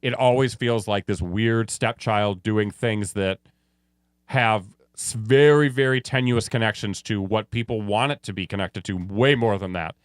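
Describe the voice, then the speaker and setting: A man's voice: fairly low pitch, a little slow, clean tone, no echo. Man, podcast co-host, casual chat, opinionated, dry close sound. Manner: conversational, trails off and restarts, opinionated.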